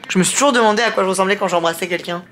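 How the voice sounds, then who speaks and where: A woman's voice: medium pitch, racing, fairly bright tone, a little hiss or hum. A young adult woman talking casually to a handheld camera, chatty and playful with self-mocking asides, from city streets and a hotel room. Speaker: travel vlogger. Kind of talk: casual vlog talk to camera. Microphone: handheld vlogging camera.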